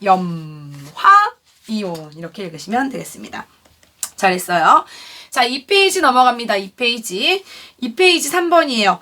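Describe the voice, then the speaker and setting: A woman teaches a chemistry class in a bright, animated voice that swings up and down. She keeps asking the room questions and then answers them herself, patiently. She sounds a little off-mic, as if picked up from across a classroom. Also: fairly high pitch, normal speed, recorded from a distance. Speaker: science teacher. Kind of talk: classroom lecture.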